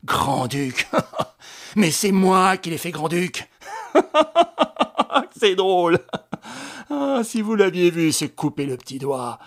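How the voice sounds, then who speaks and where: A man voicing a raging, mocking gentleman thief in an audiobook, shouting and laughing with scorn. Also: high voice, expressive, slow, long pauses, voice pushed up, heavily acted. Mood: sneering. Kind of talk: audiobook character voice.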